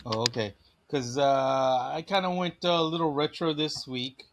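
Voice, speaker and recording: A man's voice: mid-range voice, steady tone, unhurried, noisy background. Easygoing man with a phlegmy throat. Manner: easygoing, chatty, frequent fillers. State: phlegmy throat, clearing it often. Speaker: podcast host. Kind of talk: casual chat.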